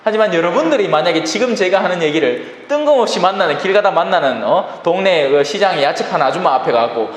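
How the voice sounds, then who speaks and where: Lively priest lecturing in an echoey hall. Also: male voice, high-pitched. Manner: lively and conversational, addresses listeners directly; acts out everyday people in quick voices. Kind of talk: Bible lecture in a sermon manner. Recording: roomy reverberant hall with faint ambient noise.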